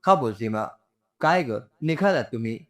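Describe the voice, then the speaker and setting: A caring sister-in-law, anxious but steady, as a male narrator voices her. She fires off concerned questions with a lively, animated rise and fall. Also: mid-range voice, moderate pace, natural voice. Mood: worried. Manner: concerned, questioning, then taking charge.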